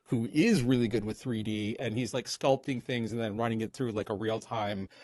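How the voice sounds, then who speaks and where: A man's voice: on the low side, moderate pace, a little mellow, no room sound. A man talking as a podcast guest in casual interview chat, rambling with many fillers and restarts.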